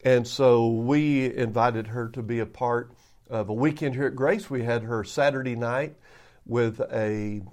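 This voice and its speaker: A man's voice: medium pitch, steady tone, unhurried, darkish tone. A man speaking as a pastor on a podcast, answering conversationally into his own microphone. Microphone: own separate microphone.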